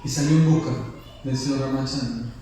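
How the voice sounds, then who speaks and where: A man's voice: medium pitch, a little fast, slight background noise. A man tells a devotional story in a chatty way and often tags his lines with "¿no?". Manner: lively, chatty, frequent "¿no?" tags. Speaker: storyteller at a temple gathering. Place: temple hall. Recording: very echoey hall, mic at a distance.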